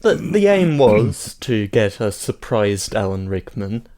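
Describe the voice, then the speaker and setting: A man's voice: on the low side, big pitch swings, slow, darkish tone. A man co-hosting a podcast, chatting casually and telling wry film anecdotes. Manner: wry storytelling with laughs. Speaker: podcast co-host. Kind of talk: casual chat.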